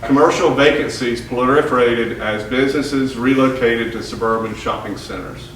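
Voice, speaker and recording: A man's voice: mid-range voice, a bit bright. Man lecturing in an echoey hall. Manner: halting with fillers, then reading prepared text. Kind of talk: public history lecture. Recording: echoey hall, distant mic, faint noise.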